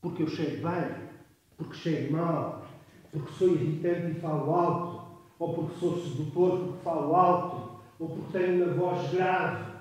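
A man's voice: fairly high pitch, normal speed, highs cut off, slight background noise. A man with a European Portuguese accent giving an academic lecture, emphatic and full of rhetorical tag questions. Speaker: guest lecturer. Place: lecture hall. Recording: echoey hall, distant mic.

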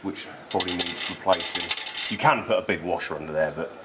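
A mechanic explaining car repairs in a matter-of-fact way, in a workshop. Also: male voice, deep voice, a little fast, very noisy.

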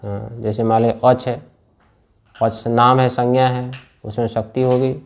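A man teaching Sanskrit grammar to a class. He speaks slowly, repeats key phrases and keeps asking his students whether they follow. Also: medium pitch, flat delivery. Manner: slow and repetitive, drills phrases and checks understanding. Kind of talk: classroom lecture with questions to students.

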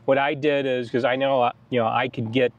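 Standing outdoors next to a car, a middle-aged man with an American accent chats about a trip like a travel vlogger. His medium-pitched voice shows little pitch movement and moves fairly quickly, and the recording sounds dry and slightly dull.

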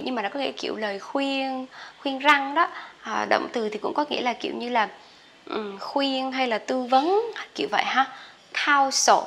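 A woman's voice: fairly high pitch, bright, forceful tone. A woman teacher explaining English homophones in a chatty, casual lesson full of filler particles.

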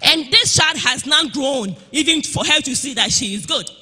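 A man preaching a passionate sermon, dropping to hushed lines and then rising to shouts with a sing-song lilt. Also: very high voice, animated, moderate pace. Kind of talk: impassioned sermon. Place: church sanctuary. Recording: long hall reverb.

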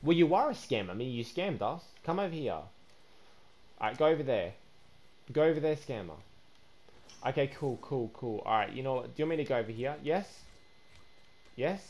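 A man hosting a game video, excitable and chatty, slipping into shrill indignation when he feels cheated. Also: a little fast, long pauses, a little hiss or hum. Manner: excitable, repeats "guys" and "bro", turns shrill and indignant. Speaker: gaming YouTuber host. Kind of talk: gaming commentary with voice chat.

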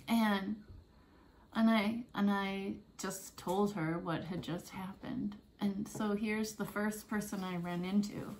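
A podcast host, a woman, tells a heartfelt personal story in a halting, emotional way and stops now and then to collect herself. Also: mid-range voice, steady tone, darkish tone, slight background noise, rough recording.

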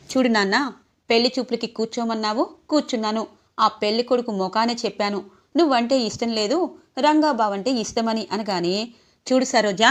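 A woman retelling a TV serial episode as a story, reading out every character's lines in turn. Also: fairly high pitch. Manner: animated storytelling, acts out each character's lines. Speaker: serial recap narrator. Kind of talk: retelling a TV serial episode, voicing all dialogue.

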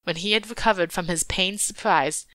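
Low-voiced woman reading a story. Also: moderate pace, a bit bright, dry recording. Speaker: audiobook reader. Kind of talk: storybook narration.

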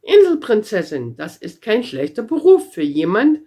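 A woman's voice: mid-range voice, wildly swooping pitch, moderate pace, mellow, slightly rough. A woman voicing a cheerful, boastful young girl in a storybook read-aloud, with a bouncy, carefree manner. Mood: merry. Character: cheerful, boastful red-haired girl, very strong.

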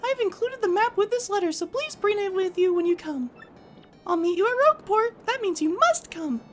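Game princess, played by a woman: very high, sweet, coaxing, reading a letter aloud over music. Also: animated, moderate pace. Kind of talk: voiced-over game dialogue.

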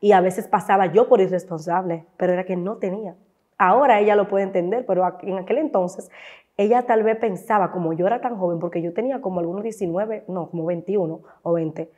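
A woman's voice: mid-range voice, a little fast, mellow. A woman with a Dominican accent, a guest on a talk show, telling her personal story with emotion and acting out remembered voices. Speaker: guest, content creator.

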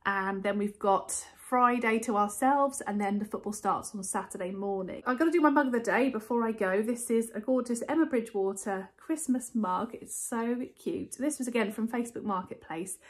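An English woman in her forties chats in a casual vlog, gushing over what she shows while holding a phone camera at arm's length. Her voice is on the high side, at normal speed with hardly any pauses. She films indoors at home, in a car and while walking through a rental house.

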